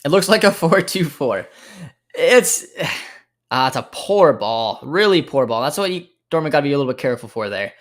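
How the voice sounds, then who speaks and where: His pitch is fairly high and swings widely, though he keeps a normal speed. The speaker is a young American man running a live football watchalong, casually talking with viewers, reading chat, reacting to the game, and filling his thoughts with lots of fillers.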